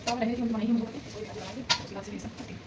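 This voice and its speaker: A young woman talking through her household chores in a casual daily vlog, rambling, speaking softly and holding the phone herself. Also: fairly high pitch, steady tone, rapid-fire, distant mic. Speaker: vlogger. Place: home kitchen. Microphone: handheld phone. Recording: echoey room with household noise.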